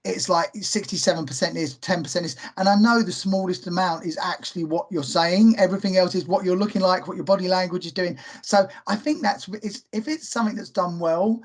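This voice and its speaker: A man with a notably high speaking voice talks films on his podcast, lively and quick to laugh. He throws in jokey asides as the conversation runs on. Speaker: podcast host. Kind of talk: casual film chat.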